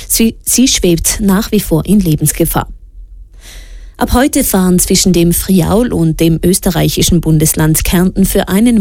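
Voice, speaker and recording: A woman reading the radio news in a steady, measured way. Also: fairly low pitch, dry recording, studio quality. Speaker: news presenter. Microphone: studio microphone.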